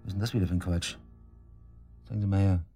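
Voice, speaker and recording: In naturalistic German radio drama acting, a man plays a brash, sarcastic murder suspect being questioned by police, crude, slangy and defiant. His deep, dark voice stays steady at a quick pace, sounding defiant and disbelieving, with faint music behind.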